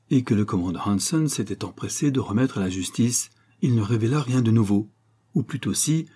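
A man reading a novel aloud as narrator, in a measured, steady storytelling manner. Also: fairly low pitch, breathy edge.

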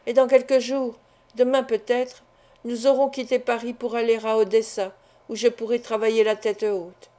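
A woman's voice: fairly high pitch, level tone, moderate pace, dark tone, natural voice. A woman reading a grave, grieving father. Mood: gentle resolve. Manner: grave and resolute, with restrained anguish. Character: anguished honourable middle-aged father. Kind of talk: audiobook character reading.

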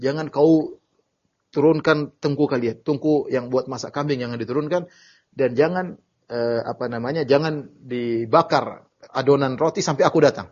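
A man, an Islamic teacher, giving a religious study lecture as animated storytelling with sudden emphatic bursts, often pausing on filler words and restarting phrases. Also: mid-range voice. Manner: frequent filler "ya" and halting restarts. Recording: dull lo-fi lecture recording.

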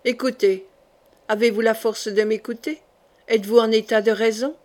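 A woman's voice: on the high side, fairly even intonation, normal speed, a little mellow, lightly acted. A woman reading the part of a stern, commanding male sorcerer in an audiobook, speaking with grave authority.

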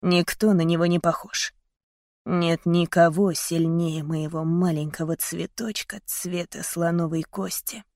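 A woman reading the part of a gentle dying father in a soft, hushed, tender voice. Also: lowish voice, steady tone, measured pace, no room sound, studio quality. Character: gentle dying father, middle-aged man. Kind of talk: audiobook character voice.

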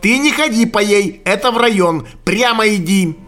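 A man reading an audiobook and voicing a gruff, scolding old Siberian hunter who speaks in loud, folksy exclamations. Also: sits high, lively intonation, moderate pace, faint music behind, voice pushed up. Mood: scheming.

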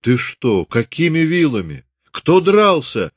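A puzzled young Cossack protests to his father, played by a man. The voice sits somewhat above its usual pitch and is dry and close. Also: big pitch swings, slow pace, husky, no echo, exaggerated voice. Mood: bewildered. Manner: bewildered, protesting.

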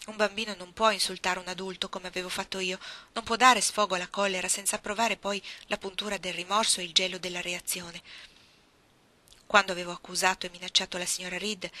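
A woman narrating a classic novel in a measured, expressive reading. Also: medium pitch. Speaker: audiobook reader. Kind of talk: literary audiobook narration.

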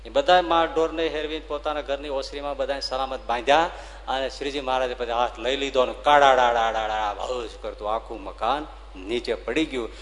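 A male swami with a Gujarati accent preaches a lively devotional story, letting his voice leap up for drama and slow down for the verses. His voice sits at an ordinary middle pitch. A long reverb of a large hall trails after every phrase. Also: a little hiss or hum. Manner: lively storyteller, rising loud for drama and slowing to chant verses. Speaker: swami giving a religious discourse.

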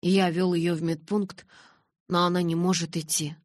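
A woman's voice: lowish voice, level tone, normal speed, dry recording, clean studio sound, lightly acted. A woman doing a shaken, insistent teenage boy. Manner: trembling and insistent.

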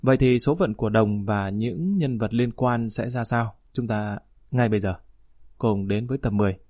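Measured male audiobook narrator. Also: fairly low pitch, dry recording, clean studio sound. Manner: steady, measured storytelling. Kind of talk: scripted narration.

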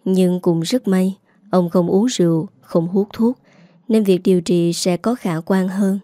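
Woman storyteller, steady earnest narration, mellow tone, dry close sound. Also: lowish voice, a little slow, no echo.

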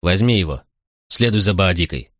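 A man voicing a firm, resolute young Roman officer in an audiobook, giving quick commands. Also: deep voice, animated, no echo, studio quality. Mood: commanding.

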